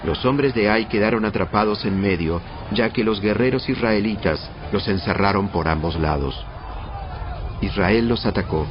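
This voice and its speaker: Male narrator, low pitch, measured scripted Bible storytelling, slightly muffled recording. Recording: muffled band-limited audio. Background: prominent background music.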